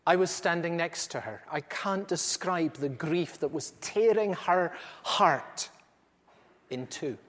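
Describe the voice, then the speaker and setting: A man's voice: fairly high pitch, takes it slowly, fairly bright tone. A man playing an aged apostle, echoing hall. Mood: solemn. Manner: earnest, intimate storyteller with dramatic swells. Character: aged male apostle recounting eyewitness memories. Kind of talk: first-person dramatic monologue. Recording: echoey hall with long reverb.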